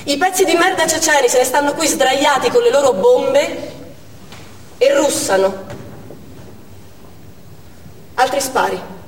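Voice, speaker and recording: On an indoor theatre stage, a stage actress plays an anguished Armenian woman doctor in a dramatic, tense monologue. Her high voice is intense and deliberate, breaking the story into short, urgent phrases. The distant mic catches long reverb in the echoey hall and faint noise.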